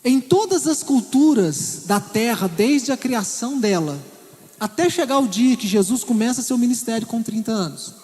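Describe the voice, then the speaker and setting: High-voiced Brazilian pastor preaching in a hall. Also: male voice, lively intonation, moderate pace, a little mellow. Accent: Brazilian Portuguese, Minas Gerais. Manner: conversational preaching, checks in with "tá?" and "né?". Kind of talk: sermon. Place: church hall. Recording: echoey church hall.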